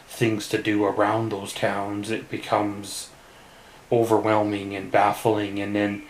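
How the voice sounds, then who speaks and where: A man from Canada rambling through a casual solo vlog in a weary, subdued way, halting often with long pauses. The recording is roomy and echoey. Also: fairly low pitch. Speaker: vlogger.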